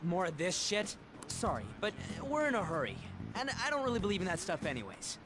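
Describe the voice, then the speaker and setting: A man's voice: high-pitched, big pitch swings, brisk, noisy background. A man playing a brash teenage delinquent in a video game, blunt, slangy and whiny. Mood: irritated. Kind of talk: video game dialogue acting. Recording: background music under dialogue.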